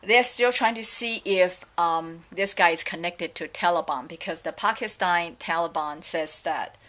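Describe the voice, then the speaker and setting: This is a rambling, exasperated vlog rant full of fillers from a middle-aged Taiwanese woman sharing her opinions casually. She talks unhurriedly in a fairly low voice with a fairly bright tone.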